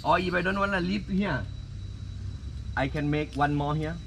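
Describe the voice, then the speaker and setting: Thai guy teaching climbing, kinda high voice, choppy simple english, noisy outdoors. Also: moderate pace, gravelly. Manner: short fragmented phrases in simple broken English. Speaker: rock climbing guide. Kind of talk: hands-on climbing instruction.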